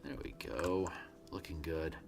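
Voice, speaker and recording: A man's voice: extremely low pitch, steady tone, unhurried, creaky, noisy background. A man streaming his artwork, chatting casually and murmuring instructions to himself as he works, with chatty asides and frequent restarts. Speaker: artist streaming his work. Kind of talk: casual livestream chat while painting.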